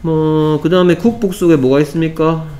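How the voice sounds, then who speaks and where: A man's voice: on the high side, fairly even intonation, normal speed, mellow. A man teaching English vocabulary to middle school students, explaining step by step and repeating key words. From South Korea. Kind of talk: vocabulary lesson.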